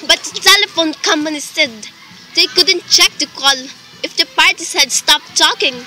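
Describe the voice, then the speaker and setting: A woman's voice: extremely high pitch, moderate pace, sharp tone, faint music behind, heavily acted, rough recording. A woman playing an anxious, demanding invalid wife in a radio play, fretful, pleading and dramatic. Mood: insistent, worried.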